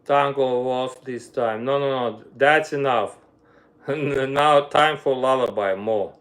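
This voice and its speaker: A violinist hosts a casual livestream, chatting with viewers in slow, Armenian-accented speech full of fillers, word-searching, and broken grammar. He's from Armenia and grew up in the Soviet Union, and his voice is medium-pitched with a fairly bright tone.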